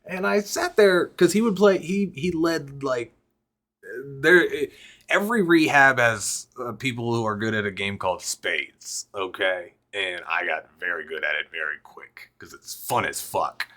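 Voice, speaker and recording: Unhurried and medium-pitched, this young man, a rapper who also vlogs, speaks with a bright, forceful tone. His personal story comes out profane and rambling, and he keeps interrupting himself.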